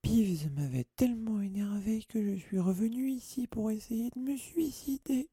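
A man voicing the ghost of a teenage girl in a tragic, breathy whisper. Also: sits high, normal speed, dark tone, no room sound, voice pushed up. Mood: mournful.

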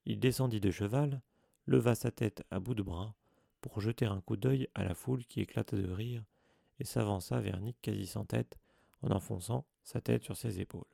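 A man narrating an audiobook in a measured storytelling read. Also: on the low side, vocal fry, mellow, dry recording, clean studio sound.

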